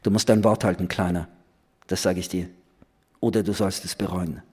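A man reading a young woman's lines, playful yet grave and commanding, in a slow, serious, quietly insistent way. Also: on the low side, breathy edge. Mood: earnest, commanding.

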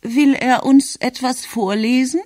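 A man putting on a high, puzzled old grandmother. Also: steady tone, unhurried, darkish tone, no room sound, studio quality. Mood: baffled. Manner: puzzled short questions, drawn out. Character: elderly grandmother, a baroness, bewildered and sharp.

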